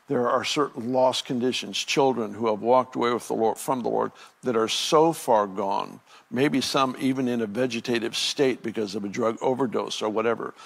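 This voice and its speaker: A pastor in his sixties talks with a guest in a conversational ministry interview, sounding earnest and reflective and frequently restarting his thoughts. His voice is mid-range with vocal fry.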